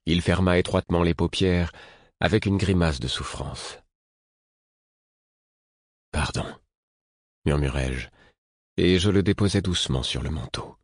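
Very deep, husky male narrator. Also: no room sound, studio quality. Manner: measured, intimate first-person storytelling. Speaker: audiobook narrator. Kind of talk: scripted literary narration.

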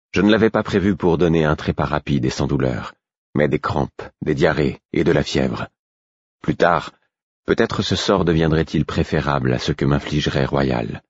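A man narrating a novel in the first person, with a husky voice and a measured, introspective reading. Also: rumbling low, no room sound, highs cut off. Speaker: audiobook narrator.

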